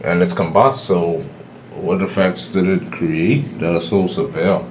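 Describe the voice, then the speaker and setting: Speaking to camera on his own, a man with a Bahamian accent shares his opinions as an astrology YouTuber, explaining his views and restarting a few times. His low-pitched voice stays steady and a little slow, with a slight hiss or hum in the recording.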